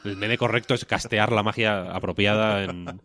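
A man in his thirties, speaking in casual podcast chat. His voice sits low and he rambles, mocks himself and swears freely. The sound is dry and close. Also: fairly even intonation, moderate pace, bright, forceful tone, dry recording.

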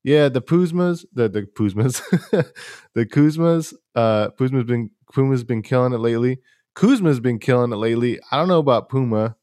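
A young man hosting a casual sneaker podcast, talking in a rambling, laid-back way with a fairly monotone voice. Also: mid-range voice, brisk, no echo, studio quality. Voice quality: self-described monotone voice. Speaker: podcast host.

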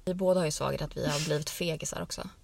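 A woman co-hosting a podcast from inside a car, telling candid stories in a lively way. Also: low voice, vocal fry, slight background noise. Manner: candid, animated storyteller who acts out quotes. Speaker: podcast co-host. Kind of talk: casual chat.

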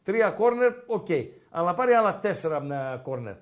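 High-pitched man, casual host, teasing, drawn-out pauses, live betting chat. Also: big pitch swings. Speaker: podcast host and betting tipster.

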